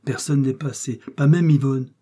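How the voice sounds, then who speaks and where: A man reading the lines of a fussy old woman who dresses circus performers, exclaiming excitedly. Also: medium pitch, moderate pace, husky, pitched above the performer's own voice, natural voice. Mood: flustered.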